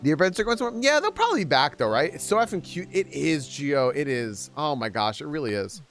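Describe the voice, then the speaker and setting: A man's voice: fairly high pitch, fast talker. A man streaming a video game live, chatting with viewers and cheering at what happens on screen. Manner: excitable, chats with viewers, talks to characters. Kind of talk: casual live game commentary.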